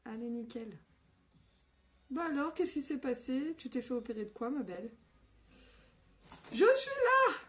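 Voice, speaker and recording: A woman with a slightly hoarse voice hosting a casual live-stream makeup tutorial on her phone, upbeat and greeting viewers by name. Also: on the high side, moderate pace, pauses often, a little mellow.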